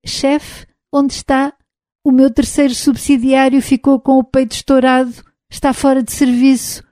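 A woman's voice: high-pitched, little pitch movement, moderate pace, warm tone, dry recording, clean studio sound, voice pushed up. A woman voicing a mining robot reporting over a transmitter, her voice made half-robotic with an altered timbre. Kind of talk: audiobook reading.

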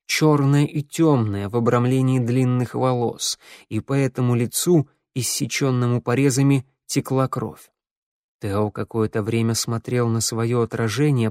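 A man narrates an audiobook in a slow, measured way, letting dramatic pauses hang between phrases. His voice sits at a middle pitch and is captured close on a studio mic with a completely dry sound. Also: a little mellow, no echo.

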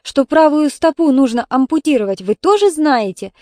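A woman's voice: high-pitched, expressive, moderate pace, dry recording, voice pushed up. Woman doing a scolding hospital doctor. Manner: shouting, scolding. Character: exasperated male hospital doctor.

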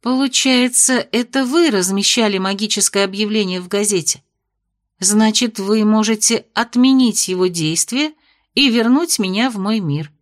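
A woman's voice: medium pitch, moderate pace, natural voice. A woman voicing an anxious, grumbling young female student, in an audiobook reading.

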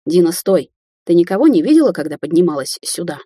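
A woman's voice: lowish voice, big pitch swings, fast, warm tone, breathy edge, no echo, clean studio sound. A woman reading an audiobook, voicing a protective young man who questions earnestly. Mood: urgent.

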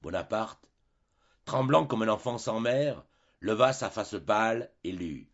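A man reading a dramatic poem aloud as a volunteer audiobook reader, with measured, theatrical phrasing. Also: on the low side, lively intonation, lo-fi sound. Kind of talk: slow dramatic poetry reading.

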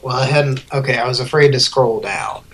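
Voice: mid-range voice, steady tone, moderate pace, fairly bright tone, low-quality recording. A podcast co-host in casual chat, making dry absurd jokes. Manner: dry jokey, absurd bits.

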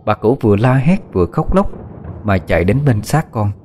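A man narrating a dramatic horror story in a measured, expressive storytelling manner. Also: on the low side, slight background noise. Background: faint music.

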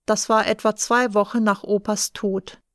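A woman reading the lines of a remorseful middle-aged uncle in an audiobook, calm and plain. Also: mid-range voice, unhurried, no echo, studio quality, natural voice.

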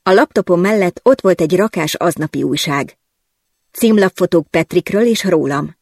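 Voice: mid-range voice, gravelly, no room sound. Wry first-person audiobook narration, dry. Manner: lively, wry storytelling.

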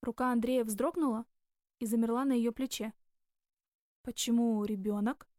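A woman reading a novel aloud in even, measured scripted narration. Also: a little high, dry recording, clean studio sound. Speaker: audiobook narrator.

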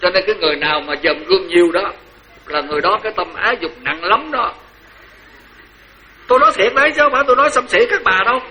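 An older man with a Southern Vietnamese accent, a senior Buddhist monk giving a lively, joking dharma talk that repeats phrases for emphasis. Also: sits high, fast, long pauses, a little hiss or hum, rough recording.

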